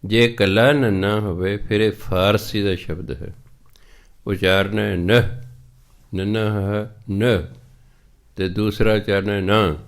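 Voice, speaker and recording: A man with a Punjabi accent preaching a scripture exposition, explaining verses and chanting them slowly. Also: fairly low pitch, steady tone, vocal fry. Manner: slow, chants scripture lines in a drawn-out cadence. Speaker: religious preacher.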